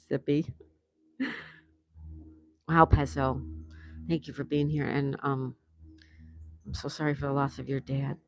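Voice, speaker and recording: A woman's voice: rumbling low, level tone, slow, long pauses, a little mellow. An older woman hosting a casual livestream, chatty, reading viewer comments aloud and laughing often. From South Florida, USA. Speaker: livestream host reading chat. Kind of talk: casual live-stream chat.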